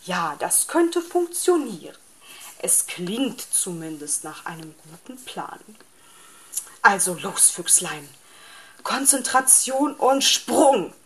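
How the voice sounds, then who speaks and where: A woman's voice: medium pitch, very animated, takes it slowly. Woman voicing a boastful grumbling fox. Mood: self-encouraging. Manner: grumbling, self-pitying. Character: boastful sporty male fox, easily offended.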